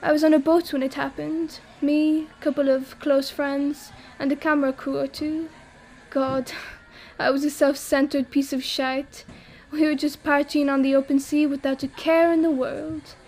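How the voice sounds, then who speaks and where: This is an acted audio-drama monologue by a young French woman playing an exile interviewed about a disaster. Wry and self-deprecating, she laughs through her story. Her voice is high-pitched and darkish, with a level tone and moderate pace.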